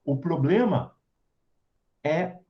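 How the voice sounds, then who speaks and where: A man's voice: on the high side, lively intonation, extremely slow. A man giving a conversational spiritual talk, asking his audience rhetorical questions. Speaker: spiritual lecturer. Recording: dull lo-fi recording.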